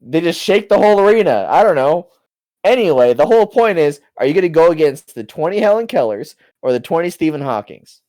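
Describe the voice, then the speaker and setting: A man's voice: fairly high pitch, sing-song, fairly quick, dark tone, no room sound. A young man co-hosting a casual podcast, talking hesitantly with frequent restarts and laughter. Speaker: podcast co-host. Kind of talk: casual banter.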